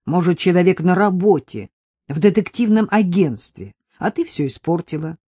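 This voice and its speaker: Reader doing an irritated husband, sarcastic, scolding, loud, dry close sound. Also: mid-range voice, lively intonation, moderate pace, breathy edge, no echo. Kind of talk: audiobook character voice.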